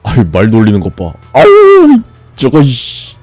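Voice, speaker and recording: A man streaming a game, grumbling and swearing at it, then breaking into sudden high shouts. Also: lively intonation, moderate pace, no room sound, faint music behind. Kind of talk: frustrated live gameplay commentary.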